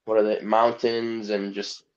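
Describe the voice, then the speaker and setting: A young man from Egypt, a soccer player, is a relaxed, rambling podcast guest who laughs a lot in a casual interview. His lowish voice is smooth and darkish, level in tone and a little slow. The lo-fi recording is dull.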